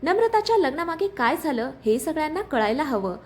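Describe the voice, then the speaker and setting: A woman voicing a calm, determined young ex-lover who speaks in a quiet, firm way. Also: high-pitched, brisk, slight background noise.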